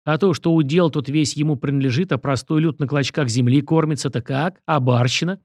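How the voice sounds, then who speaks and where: A man's voice: on the high side, brisk, a little mellow, no echo, clean studio sound, close to an everyday voice. Man voicing a skeptical train conductor.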